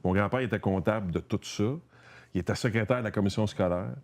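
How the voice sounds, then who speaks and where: A man's voice: fairly low pitch, fast, a little mellow. A man from Quebec with a Québécois French accent, a guest chatting casually and rambling, with many restarts and a lot of "tu sais". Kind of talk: casual conversation.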